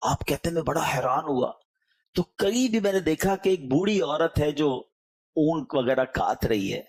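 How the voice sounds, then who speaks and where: Pleading Pakistani preacher man, lively voice. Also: a little high. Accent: Pakistani Urdu. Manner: emotional, pleading, swings between loud and hushed. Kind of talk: sermon.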